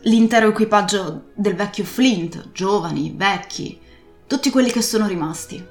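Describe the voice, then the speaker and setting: A woman's voice: medium pitch, moderate pace, close to an everyday voice. A woman voicing an old, drunken male pirate captain who pleads and rants, in an echoey room with faint music. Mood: agitated. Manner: pleading then blustering, ranting.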